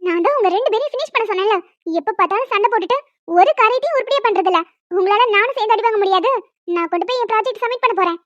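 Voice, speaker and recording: A woman's voice: extremely high pitch, very fast, dry recording. A woman voicing a sensible young female college student in a cartoon, bossy and exasperated. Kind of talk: cartoon voice acting. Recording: dull lo-fi dry sound.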